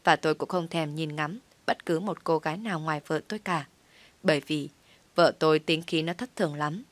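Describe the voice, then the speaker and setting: A woman narrating a comic story in the first person, reading at an even, steady pace. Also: deep voice, brisk.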